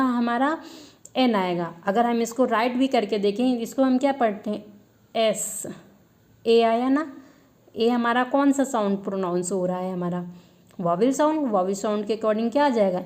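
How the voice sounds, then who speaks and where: A woman's voice: on the high side, darkish tone. A woman teaching an English grammar lesson, asking her students questions and answering them herself, and repeating the key words as a drill.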